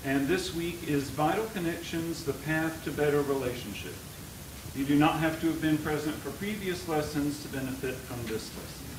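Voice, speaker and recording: Man leading a church service, slightly higher voice, from across an echoey sanctuary with steady noise. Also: moderate pace. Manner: plain, explanatory, leads the congregation. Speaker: worship leader. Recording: echoey sanctuary, far mic, noisy.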